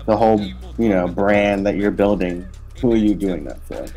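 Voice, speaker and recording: A man's voice: on the low side, normal speed, mellow, faint music behind. A young man as a guest rapper in a casual interview, laid-back and slangy.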